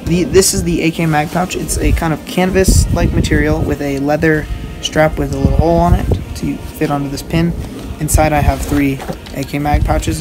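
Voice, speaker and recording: A young man giving a casual, halting show-and-tell as a video host, recorded outdoors at a short distance from the camera. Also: a little high. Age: teenager or young adult. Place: outdoors on a wooden backyard deck.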